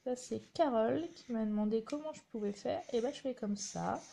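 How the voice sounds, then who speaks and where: A woman's voice: a little high, brisk, vocal fry, dark tone. A woman, chatting casually while she demonstrates a craft project on a live stream. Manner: chatty, narrates her hands-on work with little asides. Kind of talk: live craft tutorial chat.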